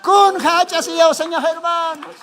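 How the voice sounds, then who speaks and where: A man preaching a Sunday sermon as pastor, swinging between soft asides and loud exclamations and constantly calling the congregation his brothers. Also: very high-pitched, fairly even intonation, a little slow. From Bolivia.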